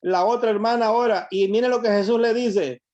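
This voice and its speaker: A man's voice: high voice, steady tone, fairly quick, a little mellow. A man preaching a sermon, reading scripture verses aloud and explaining them to his listeners. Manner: reads verses aloud and comments on them to the congregation. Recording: dull lo-fi recording.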